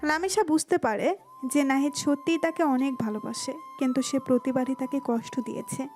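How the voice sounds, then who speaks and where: A woman with a Bengali accent giving smooth, even scripted narration of a romantic audio story. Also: high-pitched, moderate pace, soft background music.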